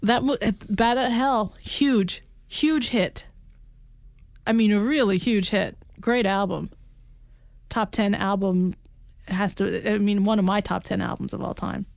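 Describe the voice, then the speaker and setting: A woman's voice: medium pitch, steady tone, a little slow, creaky, a little mellow, dry recording, clean studio sound. A middle-aged woman co-hosting a casual podcast chat, talkative, laughing often and restarting sentences. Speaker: podcast co-host. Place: home in upstate New York.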